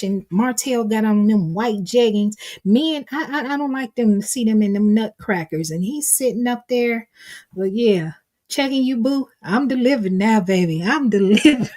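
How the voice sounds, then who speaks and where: A woman's voice: fairly high pitch, darkish tone. A middle-aged woman hosting a casual live stream, reading viewers' chat aloud and calling them baby and honey. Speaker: livestream host reading chat.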